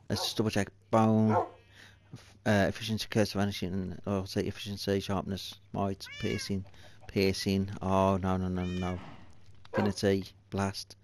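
A man's voice: fairly low pitch, slight background noise. A man hosting a let's-play video, muttering to himself and swearing in exasperation as he plays. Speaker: gaming video host. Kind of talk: let's-play game commentary.

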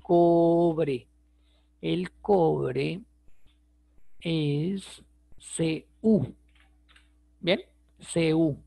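A man's voice: fairly high pitch, very slow, vocal fry, long pauses, dark tone, no echo. A man teaching an online chemistry lesson, patient and repetitive, checking in with his students as he writes. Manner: patient, repeats words, asks rhetorical checks.

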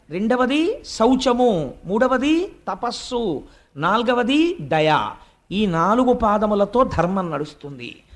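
High-voiced man preaching a spiritual discourse. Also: a bit bright. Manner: preaching, rhetorical questions answered himself, drawn-out emphatic lists. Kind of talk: Telugu religious discourse on the Bhagavatam.

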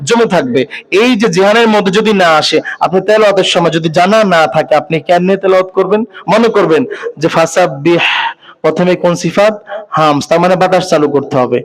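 A man's voice: high voice, poor audio. A man teaching Quran recitation rules in Bengali, explaining step by step and putting questions to his students. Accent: Bangladeshi Bengali. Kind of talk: tajweed lesson, spoken explanation.

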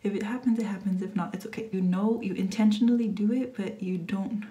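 A young woman whispers into her phone camera late at night at home, speaking at an ordinary, middle pitch. She sounds nervous and rambles, trailing off and restarting her thoughts as she talks. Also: steady tone, brisk, warm tone. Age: 20s. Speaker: vlogger. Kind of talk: late-night confessional vlog.

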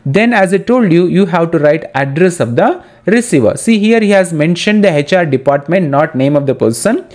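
A man's voice: on the high side, animated, moderate pace, darkish tone. A man teaching an exam-prep lesson over slides, explaining step by step and repeating key points for students. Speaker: English teacher.

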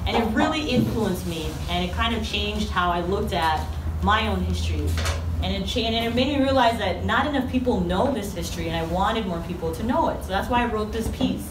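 A woman's voice: mid-range voice, brisk. A young woman from the Marshall Islands, raised in Hawaii, chatting with students and asking them questions while leading a poetry workshop, recorded by a far camera. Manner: chatty, asks the class questions. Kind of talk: casual classroom talk to students. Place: school classroom, indoors. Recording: echoey classroom with background noise.

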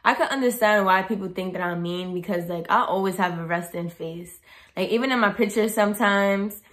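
Indoors in her bedroom, a twenty-something vlogger speaks to the camera in a mid-range voice, fairly quickly. She's casual yet blunt and outspoken, and she talks with animated hand movements.

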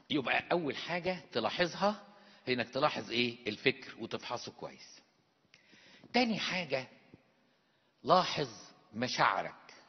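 A man's voice: mid-range voice, husky, long reverb tail, dull audio. A male priest with an Egyptian accent, preaching an emphatic sermon full of rhetorical questions. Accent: Egyptian Arabic. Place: church.

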